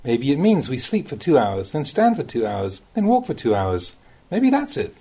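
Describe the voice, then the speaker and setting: A monk reads a Dhamma talk aloud in a dark, mellow, slightly husky voice of medium pitch with a breathy edge. His phrasing is measured, but his intonation swings hugely and expressively, so the teaching sounds like a thoughtful spoken audiobook.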